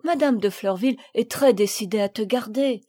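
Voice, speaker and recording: A woman voicing a gentle, kindly gentleman guardian in a storybook reading, reassuring in manner. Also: fairly high pitch, moderate pace, no room sound, clean studio sound, lightly acted.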